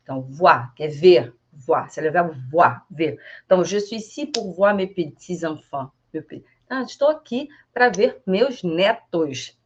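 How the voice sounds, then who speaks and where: A woman's voice: fairly low pitch, slightly rough. Chatty woman teaching French, lo-fi sound. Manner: chatty and animated, repeats French phrases slowly, laughs often. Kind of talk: casual online French lesson. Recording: slightly dull lo-fi sound.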